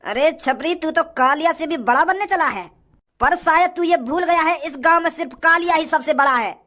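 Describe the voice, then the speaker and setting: A woman doing a high, menacing cartoon village bandit. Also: normal speed, a bit bright. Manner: threatening, bragging. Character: menacing male village bandit, boastful bully. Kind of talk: cartoon voice acting.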